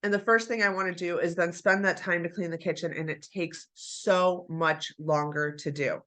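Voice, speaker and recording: Still stuffy-nosed from the flu, a woman with a lowish, fairly bright voice speaks in a steady tone at a moderate pace. She's a homemaking vlogger chatting to camera about home routines, chatty and encouraging, addressing viewers as "you guys."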